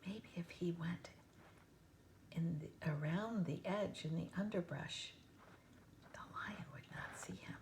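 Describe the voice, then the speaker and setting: A woman teacher reads a children's story aloud at a very slow, careful pace, with a lowish voice. She stops to ask her students questions and often sinks into a whisper. A faint hum sits behind her. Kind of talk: reading a children's book aloud.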